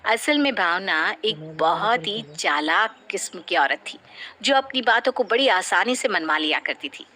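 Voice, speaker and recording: A woman narrating a cartoon moral story in an even storytelling manner. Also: medium pitch, a little slow.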